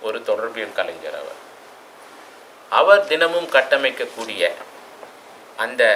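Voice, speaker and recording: A man giving a reflective lecture, asking rhetorical questions and stressing words with sudden loudness. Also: medium pitch, a little hiss or hum, poor audio. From Tamil Nadu. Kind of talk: classroom lecture.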